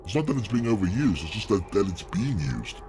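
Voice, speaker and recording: A man's voice: big pitch swings, a little fast, dark tone, a little hiss or hum. A man streaming a horror game, his voice run through a demonic voice changer, swearing and jumping at scares while talking to his chat. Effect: deep, gravelly demonic voice changer. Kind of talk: live gameplay commentary.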